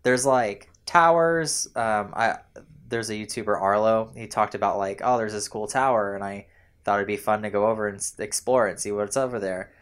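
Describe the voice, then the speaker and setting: A young man with a slightly low voice talks in a relaxed chat, grumbling with animated energy. He slips into quick mimicry of characters while he complains. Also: clear, resonant tone. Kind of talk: casual chat.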